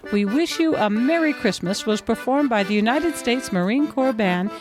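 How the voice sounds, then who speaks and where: Woman, podcast credits, scripted read, clear, friendly, slightly high. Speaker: podcast co-host reading credits. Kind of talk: scripted announcement.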